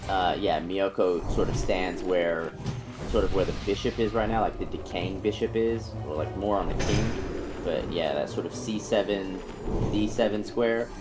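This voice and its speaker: A man's voice: deep voice, normal speed, loud music behind the voice, rough recording. A man leading a game raid over voice chat, explaining positions in a rambling way with many fillers and restarts. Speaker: raid leader.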